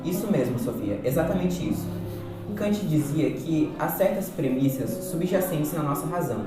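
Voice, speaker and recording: Here a Brazilian man acts in an amateur radio drama as a patient male philosophy teacher, calmly walking through explanations. His pitch is fairly high, his intonation lively, his speed normal, and the acting light. Heavy echo, distance from the mic, and loud background music mark the recording.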